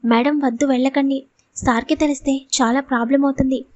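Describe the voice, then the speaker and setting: A woman's voice: high voice, steady tone, brisk, a little mellow, no room sound, dull audio, lightly acted. A woman voicing a panicky male henchman.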